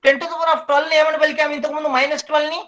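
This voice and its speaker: A male teacher giving an online class, repeating each term slowly so the students memorize it. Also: extremely high pitch, flat delivery, sharp tone, low-quality recording.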